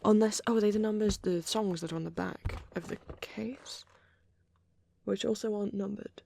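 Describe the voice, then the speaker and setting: In an ASMR roleplay, a woman voices a shy vampire boy who rambles gently, soft-spoken and hesitant, sometimes slipping into breathy whispers, and sounding puzzled. Her mid-range voice is close to an everyday one, with fairly even intonation and normal speed, and there's slight background noise.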